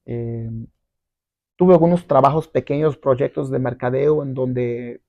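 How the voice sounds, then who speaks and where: A man's voice: mid-range voice, unhurried, vocal fry, no room sound, muffled recording. A middle-aged man whose first language is not Spanish, telling his story in a casual interview, rambling with many fillers and tag questions. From abroad, not Mexico. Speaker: guest entrepreneur.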